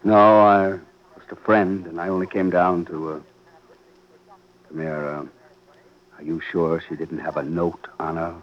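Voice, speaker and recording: A man's voice: deep voice, little pitch movement, measured pace, long pauses. An actor playing a wealthy, uneasy man about town with hesitant, clipped politeness in old radio drama. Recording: dull old radio recording.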